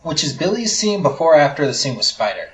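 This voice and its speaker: A man co-hosting a podcast, chiming in with questions and halting comments about a film. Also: fairly high pitch, very animated, rough recording. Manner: jumps in with questions and favorite scenes, halting. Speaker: podcast co-host. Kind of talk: casual movie chat.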